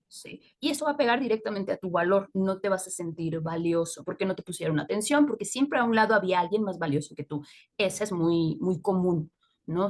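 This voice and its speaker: A woman teaching astrology in a live talk, explaining at length and often checking in with listeners with short questions. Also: medium pitch. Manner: laughs at her own points.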